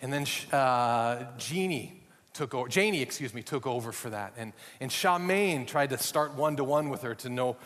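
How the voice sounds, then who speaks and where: A middle-aged man from Minnesota, USA, preaches a sermon as a guest speaker in a church hall, full of folksy, self-deprecating humor. His mid-range voice is a bit bright, with lively intonation and normal speed, and the room leaves a long reverb tail.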